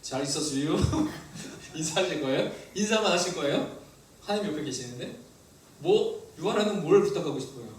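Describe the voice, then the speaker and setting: A male pastor preaching a sermon, lively and asking the congregation questions. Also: on the high side, moderate pace, very echoey, recorded from a distance, a little hiss or hum, low-quality recording. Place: church hall.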